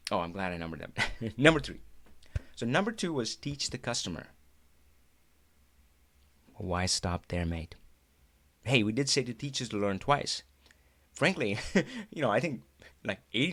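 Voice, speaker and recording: This middle-aged host from India, whose first language is Hindi, speaks with an Indian accent in a medium-pitched voice. He runs a live talk in a chatty, animated style and laughs often.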